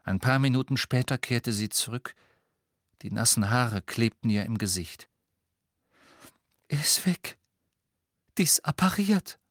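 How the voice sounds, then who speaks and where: A man narrating a story aloud in a dramatic, expressive reading. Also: on the low side, dry recording, studio quality. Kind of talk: audiobook reading.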